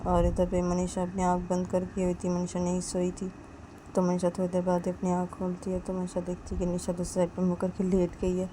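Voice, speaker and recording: A woman's voice: on the low side, monotone, brisk, dark tone, a little hiss or hum. A woman narrating a romantic story casually, retelling each action plainly and repeating names often.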